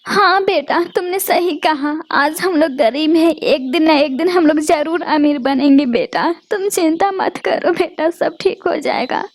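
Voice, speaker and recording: A woman's voice: sits high, measured pace, few pauses. A woman voicing a poor, anxious mother sparrow in a cartoon, emotional and pleading. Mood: sorrowful comfort. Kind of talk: Hindi cartoon voice acting.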